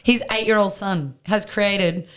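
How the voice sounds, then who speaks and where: A woman's voice: mid-range voice, fairly even intonation, unhurried, clean tone. An Australian woman from Newcastle, a podcast guest chatting casually and gushing about people she admires. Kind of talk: casual chat.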